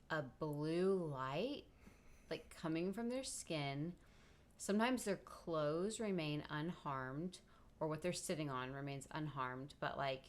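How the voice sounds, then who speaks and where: Woman, low voice, casual podcast co-host, filler-heavy chat. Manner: chatty, many fillers like "like". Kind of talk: casual conversation.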